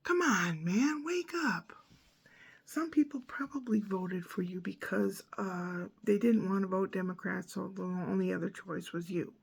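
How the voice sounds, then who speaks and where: A woman's voice: on the low side, normal speed, vocal fry, few pauses, slightly rough. A woman in her sixties giving a casual, opinionated rant in a rambling, blunt and emphatic manner. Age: 60s. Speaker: vlogger.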